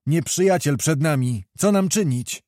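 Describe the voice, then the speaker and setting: A man's voice: on the high side, animated, unhurried, mellow, no echo, clean studio sound. A man reading a story aloud, voicing an anxious elderly bishop, worried and imploring.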